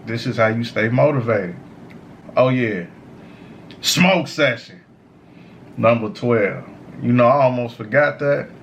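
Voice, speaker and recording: A man's voice: medium pitch, moderate pace, vocal fry, a little hiss or hum. Stoned man, meandering motivational talk. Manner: repeats "you know" tags, informal slangy phrasing. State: high on cannabis. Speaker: host of a smoke session series. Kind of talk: casual motivational monologue.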